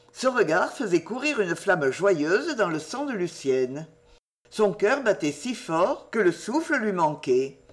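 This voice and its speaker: A woman narrating a classic novel, reading expressively as a storyteller. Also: on the low side.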